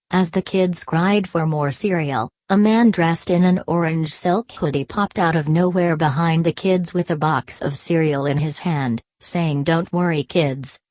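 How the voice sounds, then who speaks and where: A woman's voice: low-pitched, a little mellow, no echo. A woman narrating a scripted superhero story as an audiobook narrator.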